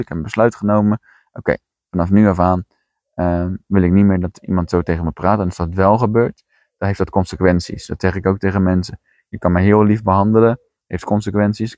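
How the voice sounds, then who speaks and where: A man with a very deep, low voice coaching listeners in a direct, no-nonsense way. His delivery is blunt and plainspoken. The sound is dry and close, with no room echo. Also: fairly even intonation, fast, a little mellow. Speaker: podcast host and coach. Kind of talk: coaching monologue.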